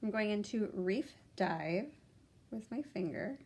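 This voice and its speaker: A woman's voice: medium pitch, expressive, slow, a little mellow, breathy edge. A young adult woman narrating a makeup tutorial, chatty as she talks through each step of her look. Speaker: beauty vlogger.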